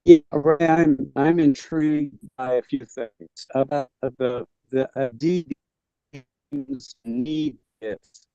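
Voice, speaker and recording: A man's voice: on the high side, lively intonation, slow pace, gravelly, mellow, no room sound. A man in a group discussion whose call audio keeps breaking up, speaking hesitantly and repeating words as he puzzles through his thoughts. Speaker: study group participant. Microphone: remote call connection. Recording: dull lo-fi dry call audio.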